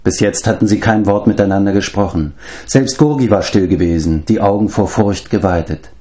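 A man reading a children's fantasy novel aloud as an audiobook, in steady, even storytelling narration. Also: on the low side, moderate pace. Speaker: audiobook reader. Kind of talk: scripted narration.

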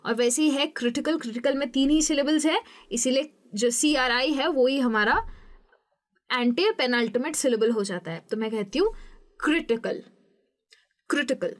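A young woman teaching an English lesson, explaining patiently step by step and saying example words slowly. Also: sits high.

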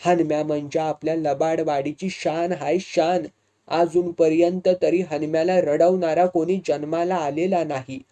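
A man reads a drunken village loafer in a storybook tale, sly and forever needling others. The voice is mellow and slightly high, with loose, mocking rustic speech. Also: level tone, unhurried, lightly acted. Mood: flattering.

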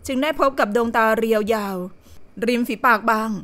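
A woman reading an audio novel as narrator, in steady storytelling delivery. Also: fairly high pitch, moderate pace. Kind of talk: scripted narration.

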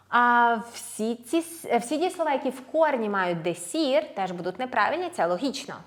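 Lady teacher going thru verbs one by one, slow and clear, voice bouncing up and down. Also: on the high side. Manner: slow, clear drilling of verb forms, lively intonation. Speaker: Spanish teacher. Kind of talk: online grammar lesson.

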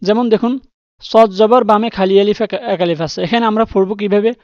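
A man teaching Quran reading, who spells words out letter by letter with patience and chants the verses slowly and melodically. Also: sits high, a little mellow, no echo, muffled recording. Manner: melodic drawn-out chanting when reciting verses. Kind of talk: slow Quran reading lesson.

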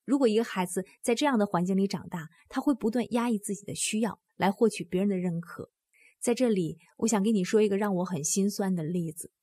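A woman's voice: medium pitch, quick pace, mellow, breathy edge, no room sound. A woman giving a scripted book-explainer narration, earnest and speaking straight to the listener with questions.

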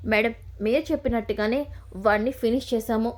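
A woman's voice: on the high side, brisk, close to an everyday voice. A woman voicing a male hired thug who reports back bluntly and deferentially. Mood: boastful. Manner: blunt, deferential to his employer.

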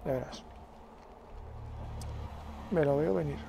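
A man, a let's play streamer giving excitable gameplay commentary and talking to himself. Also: on the high side, takes it slowly, creaky, breathy edge. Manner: excitable, swears freely, talks to himself.

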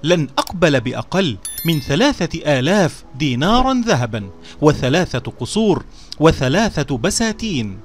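A man voicing a proud elder vizier brother who is quick to anger, with stern, heated declaiming. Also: fairly high pitch, very animated, faint music behind. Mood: boastful.

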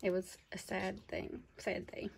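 A woman showing off her groceries in a casual home vlog, chatty and unhurried, with frequent ums. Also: medium pitch, flat delivery, gravelly, slight background noise. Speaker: vlogger, mother. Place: home kitchen.

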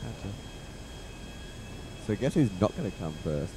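A man hosts a racing game session with his friends, forever yelping and exclaiming. His pitch swings wildly while his delivery stays slow and drawn out. Steady game noise runs behind him. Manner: keeps yelping 'oh' and cheering. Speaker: channel host playing a racing game. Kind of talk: casual gaming banter.

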